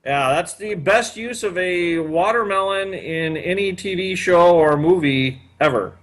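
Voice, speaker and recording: Man in his 50s, podcast host, casual chat, rambling and slightly high voice. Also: measured pace, a bit bright. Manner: rambling, many "uh" fillers.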